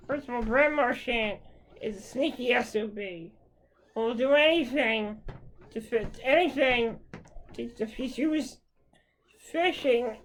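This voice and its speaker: Angry woman fan, profane rant to camera, slow-paced, a bit high-pitched. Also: a little hiss or hum, poor audio. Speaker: hockey fan.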